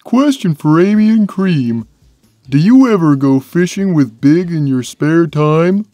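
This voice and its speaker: A woman voicing a big, gentle, simple-minded male cartoon cat with a placid, deadpan manner. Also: sits low, no room sound, clean studio sound, soft background music. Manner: placid, deadpan, plain and slow. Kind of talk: animated character Q&A, fan dub.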